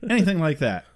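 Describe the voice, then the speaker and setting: A man co-hosting a podcast in casual chat, laughing often and tossing in jokey asides. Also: on the high side. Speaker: podcast co-host.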